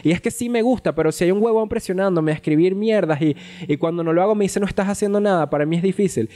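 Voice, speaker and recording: A young man, co-hosting a podcast and telling a personal story in a casual, animated, swear-filled way. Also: sits high, fast talker. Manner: animated, profane, acts out quoted dialogue. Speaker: podcast co-host.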